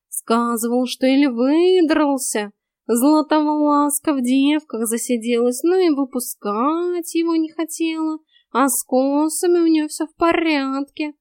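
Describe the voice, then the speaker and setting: A woman's voice: high-pitched, darkish tone, dry recording, studio quality, voice pushed up. Woman voicing a drawling grumpy talking tomcat. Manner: slow drawling, huffy. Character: talking male house cat, grumbling know-it-all mentor. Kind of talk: audiobook character voice.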